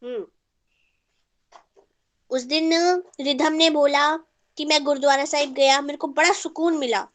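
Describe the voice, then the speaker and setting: A woman's voice: high voice, fairly even intonation, measured pace, pauses often, a bit bright. A woman teacher giving an online class through an earphone mic, mixing Hindi with English terms and checking in with her students.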